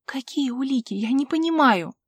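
A woman's voice: sits high, expressive, normal speed, breathy edge, no room sound, pitched above the performer's own voice. A woman voicing a frightened, indignant young woman shopkeeper who protests shrilly in an audiobook. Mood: bewildered.

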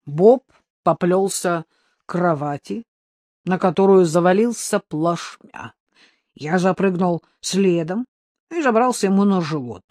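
A woman narrating a storybook in the first person as a playful dog, with an expressive reading. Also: on the low side, unhurried, no echo, studio quality. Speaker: audiobook narrator.

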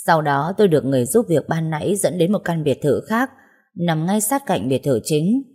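A woman's voice: low voice, big pitch swings, normal speed, mellow, breathy edge. A woman narrating a first-person audio story in a tender, emotional storytelling manner.

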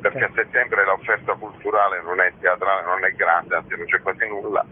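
A festival organiser gives a conversational radio interview, speaking frankly and matter-of-factly in a discursive way. His voice is low with fairly even intonation and a fairly quick pace. The lo-fi radio audio is muffled, with slight background noise.

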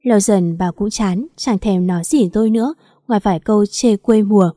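A woman's voice: medium pitch, fairly quick, warm tone, dry recording, studio quality. A woman narrating a story in the first person, wry and confiding.

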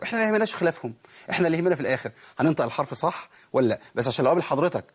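Egyptian tajweed teacher, male, quick and husky, slightly high, quizzes himself aloud as he goes. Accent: Egyptian Arabic. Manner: explains by asking and answering his own questions, demonstrates sounds. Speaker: Quran recitation teacher. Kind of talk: tajweed lesson.

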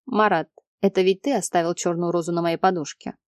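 A woman's voice: on the low side, fairly even intonation, brisk, darkish tone, no room sound, clean studio sound, close to an everyday voice. A woman reading the lines of an anxious, curious young heroine in an audiobook. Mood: uneasy.

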